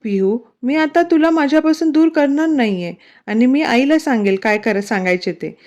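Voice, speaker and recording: A woman's voice: sits high, lively intonation, normal speed, a little mellow. Woman doing a teasing, protective young husband. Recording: dull, lo-fi recording.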